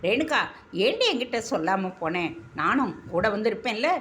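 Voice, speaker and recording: A woman's voice: mid-range voice, big pitch swings, moderate pace, a bit bright, slight background noise, pitched above the performer's own voice. A woman voicing a grieving elderly grandmother who is locked away, speaking in a tearful, pleading, affectionate way.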